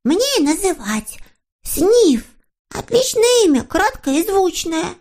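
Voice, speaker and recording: A woman's voice: very high voice, very animated, takes it slowly, darkish tone, pitched above the performer's own voice, heavily acted. A woman voicing a small, greedy, boastful male creature in a storybook reading, with a whiny, self-important manner.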